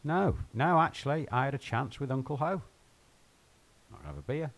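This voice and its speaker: A man's voice: mid-range voice, animated, fairly quick. A man rambling and joking with his viewers while he plays and streams from home. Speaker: game streamer. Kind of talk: casual live-stream chat.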